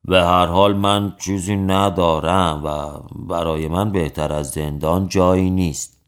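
A man voicing a lazy, shameless swindler in prison in a storybook tale, speaking low, slow and resigned. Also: animated, a bit bright.

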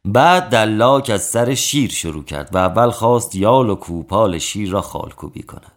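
A man reading a traditional story aloud, narrating in a clear, expressive way. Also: lowish voice. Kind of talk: reading a folk tale aloud.

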